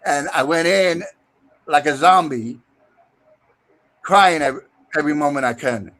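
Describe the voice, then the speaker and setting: A man with a somewhat high voice talks casually in a group chat. He rambles on insistently as he explains himself. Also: measured pace, fairly bright tone. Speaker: military veteran.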